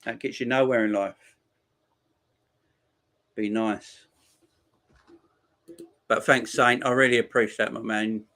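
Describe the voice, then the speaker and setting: A man's voice: medium pitch, fairly even intonation, slow pace, long pauses, pushed and bright. Laid-back man in his forties. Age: 40s. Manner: laid-back banter, laughs often, slangy. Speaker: livestream host. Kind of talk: casual chat reading viewer comments.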